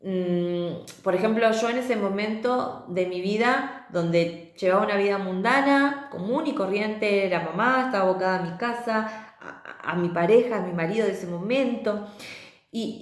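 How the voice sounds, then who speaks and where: A woman's voice: mid-range voice, normal speed. A woman with a Rioplatense Spanish accent talks through a personal lesson, earnest and reflective, often checking in with the listener. Her voice sits in a middle register for a woman. The room around her is echoey. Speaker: spiritual healing teacher. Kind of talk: personal teaching monologue.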